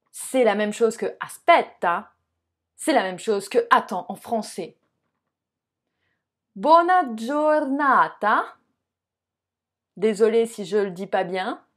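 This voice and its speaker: A young woman teaching Italian in a relaxed video lesson. Her voice sits a little high, and she chats and jokes as she talks straight to the viewer. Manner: chatty, jokey, addresses viewer directly.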